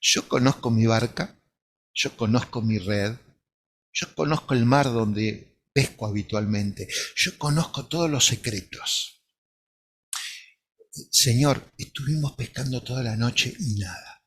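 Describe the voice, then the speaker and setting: A man's voice: medium pitch, takes it slowly, fairly bright tone, slight background noise. A man preacher voicing the apostle Peter as a proud, self-sure grown fisherman who boasts about his trade. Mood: stubborn.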